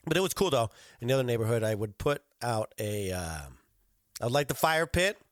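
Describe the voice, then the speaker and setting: Animated, profane middle-aged man. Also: mid-range voice, normal speed, no echo, clean studio sound. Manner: profane, animated storytelling with frequent swearing. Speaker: podcast host. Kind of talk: solo podcast rant.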